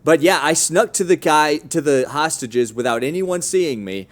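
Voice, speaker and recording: A man co-hosting a casual gaming podcast, telling his playthrough with lively storytelling and quick acted-out bits of characters. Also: a little high. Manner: animated storytelling, acts out game characters. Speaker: podcast co-host.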